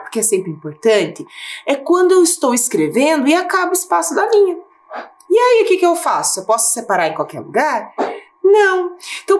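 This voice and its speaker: A woman teacher with a Brazilian Portuguese accent giving a recorded lesson for schoolchildren, asking questions and slowing down to spell out syllables. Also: high voice. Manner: patient, rising question-and-answer tone, slows to spell out syllables.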